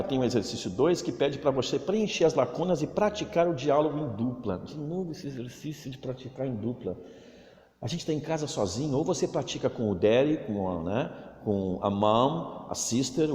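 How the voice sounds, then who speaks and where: Brazilian male teacher, lively and explanatory, recorded remote lesson in a reverberant room. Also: on the high side. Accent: Brazilian Portuguese. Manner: explains slowly, stretching English words to model pronunciation. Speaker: English teacher. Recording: echoey room with long reverb.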